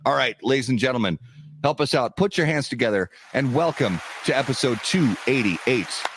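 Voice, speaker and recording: A man's voice: medium pitch, expressive, normal speed, fairly bright tone, husky. A man hosting a podcast, upbeat and rambling with many fillers as he welcomes a guest. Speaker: podcast host.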